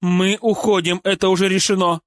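A man's voice: sits high, flat delivery, a little fast, no room sound, studio quality, voice pushed up, natural voice. A man reading an audiobook, voicing an angry, bitter woman, a former shop clerk and mother, who hurls accusations and insults. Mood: bitter, furious. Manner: harsh, accusing, shouting insults.

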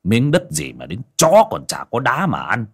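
A man voicing a cruel, scornful wealthy moneylender who sneers and barks insults and orders, with a husky voice. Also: medium pitch, huge pitch swings, normal speed, full character voice. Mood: sneering.

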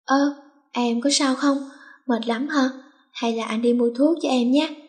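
A woman voicing a young male high school student who scolds firmly and also fusses with care. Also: fairly even intonation, fairly quick, a little mellow, close to an everyday voice. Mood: stern. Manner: firm, scolding.

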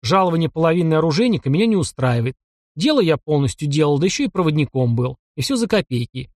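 A man's voice: on the high side, sing-song, fast, a little mellow, no echo, studio quality. A man voicing a cocky young taiga hunter. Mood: scheming. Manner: mocking, cocky and cunning. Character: young bold taiga hunter, sly and defiant.

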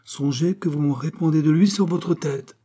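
A man's voice: fairly high pitch, little pitch movement, a little fast, mellow, voice pushed up, close to an everyday voice. A man reading an audiobook, voicing a solemn, threatening queen with absolute authority. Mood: commanding. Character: stern commanding queen, imperious woman.

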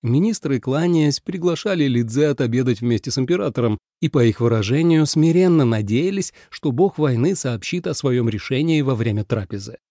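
A man's voice: mid-range voice, lively intonation, moderate pace, few pauses, dark tone, no echo, studio quality. A man narrating an audiobook in a storytelling manner.

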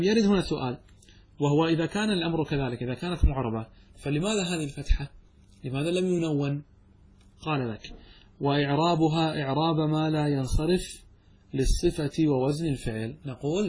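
Male teacher for a grammar lesson, slightly raised pitch, who quizzes himself and recites verse lines slowly. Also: a little mellow, husky. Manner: explains by asking and answering his own questions. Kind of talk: classical Arabic grammar lesson.

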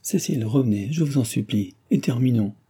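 A man's voice: medium pitch, animated, brisk, mellow, breathy edge. A man reading aloud and voicing a young bridegroom who pleads and cries out in desperation. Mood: desperate. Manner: raised, urgent outcries.

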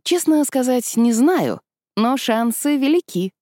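A woman voicing a wry, wordy gentleman who speaks in courtly, ironic phrases. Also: sits high, lively intonation, unhurried, dry recording, studio quality, voice pushed up.

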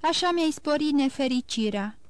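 A woman voicing a grave, composed nobleman count who speaks in a measured, formal and consoling way, in an audiobook. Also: high-pitched, expressive, dry recording. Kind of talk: audiobook character reading.

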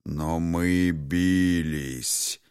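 A man voicing an ancient, wrathful ghost dragon in an audiobook, speaking slowly and solemnly. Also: sits low, fairly even intonation, darkish tone, clean tone, no room sound, studio quality, heavily acted. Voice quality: slow, heavy, solemn delivery.

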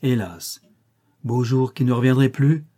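A man reads a classic short story aloud in the first person, in a measured, literary manner. His voice is dark and warm, with a husky grain. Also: medium pitch. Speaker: audiobook reader.

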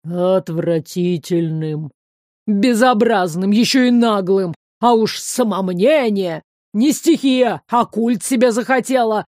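Woman voicing a male wind spirit, disdainful, slow, drawn-out, dry close sound. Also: medium pitch, a little mellow, no echo, close to an everyday voice. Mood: scornful.

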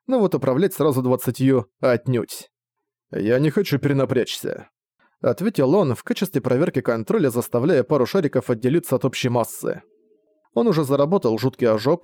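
Mellow-voiced male audiobook narrator. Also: mid-range voice, no echo, clean studio sound. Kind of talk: scripted narration.

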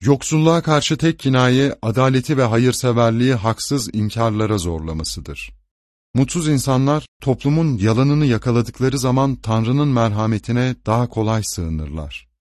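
A man narrating a novel in a measured, even reading voice. His pitch sits mid-range and the recording is close and dry. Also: no room sound. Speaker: audiobook narrator. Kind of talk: scripted literary narration.

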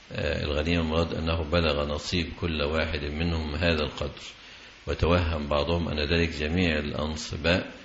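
A man giving a religious lesson, reading a commentary aloud and explaining it in a slow, measured way with long drawn-out pauses. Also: rumbling low, vocal fry, slight background noise. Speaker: Islamic scholar teaching hadith commentary. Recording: echoey, dull lecture recording.

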